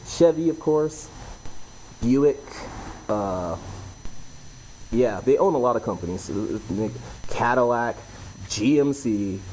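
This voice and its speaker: A man's voice: lowish voice, darkish tone, slight background noise, rough recording. A man hosting his own channel, explaining a topic in loose, blunt casual talk full of fillers and "okay?" tags. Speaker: YouTube host.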